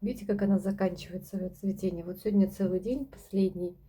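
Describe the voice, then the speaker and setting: A woman showing her houseplants in a casual vlog at home, speaking softly and often dropping to a whisper as she talks to her viewers. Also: medium pitch, steady tone, fast talker, a little hiss or hum. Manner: soft-spoken, often drops to a whisper, addresses viewers as girls. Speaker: plant vlogger. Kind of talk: casual plant-collection vlog. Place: home among houseplants, indoors.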